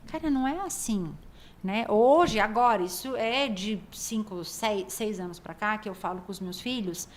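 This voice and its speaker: A woman's voice: mid-range voice, moderate pace. A woman hosting a podcast, explaining her points and acting out bits of quoted dialogue. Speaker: podcast host. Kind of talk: casual interview talk.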